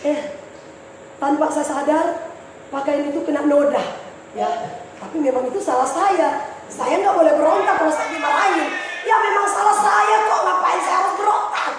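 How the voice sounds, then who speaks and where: A woman pastor preaching a fervent sermon that swings from shouts to soft, tearful tones. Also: high voice, moderate pace. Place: church. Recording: echoey church hall, mic far off, noisy.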